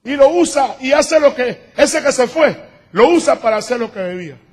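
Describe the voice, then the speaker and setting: A man with a very high-pitched voice preaches a sermon as a pastor. He moves from calm explanation into shouted, emphatic declarations. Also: normal speed, slightly rough. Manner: preaching, rising to shouts at times.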